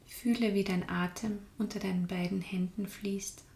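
Calm lady leading a meditation, flat soothing tone, some whispering, echoey room. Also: medium pitch, gravelly. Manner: slow, calm, soft-spoken, drifts into whispers. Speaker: meditation guide. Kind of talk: guided meditation.

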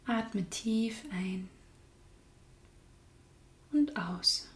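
Slow, calm woman guiding a meditation. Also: medium pitch, reverberant. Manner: slow, calm, soft-spoken, drifts into whispers. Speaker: meditation guide. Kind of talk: guided meditation.

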